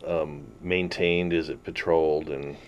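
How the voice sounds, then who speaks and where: A man from Canada co-hosts a casual interview. His voice is very deep, and he talks conversationally. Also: level tone, unhurried, lo-fi sound. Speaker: co-host.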